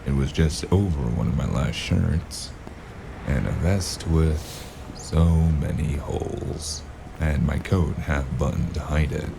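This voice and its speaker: A man playing a weary, sardonic noir gun-for-hire in an audio drama, with a gravelly voice and dry, clipped delivery. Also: slow pace, noisy background, exaggerated voice. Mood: weary, brooding. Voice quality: gravelly, very low. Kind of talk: noir detective audio drama with hardboiled narration.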